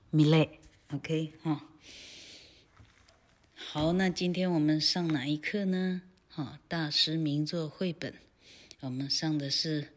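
Woman teacher, Taiwanese Mandarin accent, low voice, slow chatty delivery with fillers. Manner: chatty, frequent filler "ha", self-correcting; spells out words letter by letter. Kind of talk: casual lesson on a picture book.

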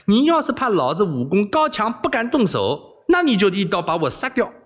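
Wei Xiaobao, a man doing a yelling young rogue. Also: sits high, wildly swooping pitch, moderate pace, long reverb tail, pitched above the performer's own voice, heavily acted. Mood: blustering. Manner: yelling, pleading, blustering. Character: cheeky cowardly young male rogue.

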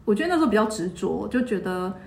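A woman in her thirties, speaking at an ordinary middle pitch, tells a personal story to her co-host. She slips into other people's voices as she quotes them, and her pitch springs upward each time. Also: quick pace, gravelly, echoey room. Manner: lively retelling, acting out quoted voices with pitch jumps. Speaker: podcast co-host. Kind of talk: casual storytelling chat.

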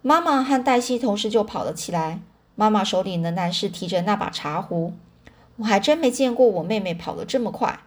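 A woman reading a children's novel aloud in a chatty way, pausing to explain words and correcting herself. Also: medium pitch, a little mellow. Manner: pauses to explain words to listeners; chatty fillers, self-corrections. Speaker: storyteller.

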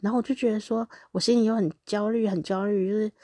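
A woman, reading her own diary aloud as a podcast host in a candid, animated way, often breaking into laughs. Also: mid-range voice, fast, no room sound, studio quality. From Taiwan.

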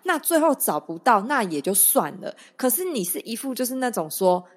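A woman's voice: a little high, sing-song, moderate pace. A woman co-host in casual chat, responding to a story and adding her own take.

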